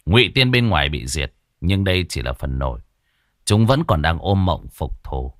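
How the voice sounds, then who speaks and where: Storybook role: a man doing a no-nonsense ghost hunter, firm, low and dry. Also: very animated, moderate pace, fairly bright tone, dry recording.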